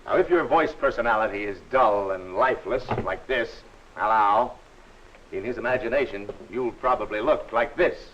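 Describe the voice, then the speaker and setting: A man narrating a 1940s instructional film in a friendly, instructive and measured way. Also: mid-range voice, a bit bright, a little hiss or hum. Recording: dull old film soundtrack.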